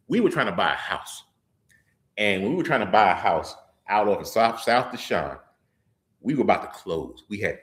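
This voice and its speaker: A man giving a sermon in a church service, talking in an emphatic, folksy way and often restarting his words. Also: lowish voice. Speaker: lay preacher and trial lawyer.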